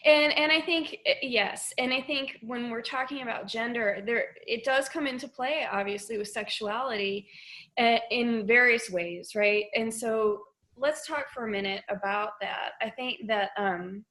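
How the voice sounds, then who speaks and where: A middle-aged woman hosting an interview, soft-spoken and encouraging, often affirming with quiet mm-hmms. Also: fairly high pitch, measured pace, rough recording. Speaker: interviewer host. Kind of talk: interview conversation.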